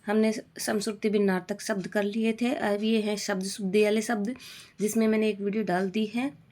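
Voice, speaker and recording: A woman teaching Hindi spelling for an exam, slowly drilling each word as wrong or correct, over and over. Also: medium pitch, flat delivery, darkish tone. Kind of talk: exam-prep spelling lesson.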